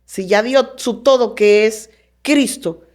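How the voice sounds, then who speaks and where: A woman's voice: fairly high pitch, slow pace. Fervent woman sharing a faith testimony. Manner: animated storytelling, acting out quoted voices; preacherly and fervent. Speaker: guest.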